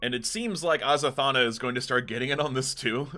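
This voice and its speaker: A man running a tabletop game as game master, narrating scenes in a relaxed, storytelling way. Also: mid-range voice, quick pace, soft background music.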